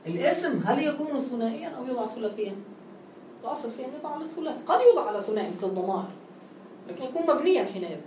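A woman teaching a grammar lesson. She keeps checking understanding with quick questions and affirmations. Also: sits high, lively intonation, darkish tone, echoey room, a little hiss or hum.

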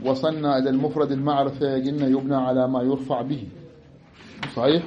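A man's voice: medium pitch, level tone, fast, a little hiss or hum. A man with an Iraqi Arabic accent teaching a classroom grammar lesson. He repeats example phrases aloud and keeps checking whether his students remember. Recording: dull lo-fi recording.

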